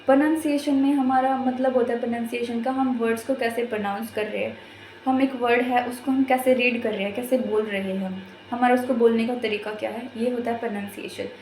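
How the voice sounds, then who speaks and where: A woman's voice: fairly high pitch, steady tone, brisk, darkish tone, echoey room, slight background noise, rough recording. A woman giving a patient, step-by-step lesson as an exam prep teacher, repeating her points as she explains.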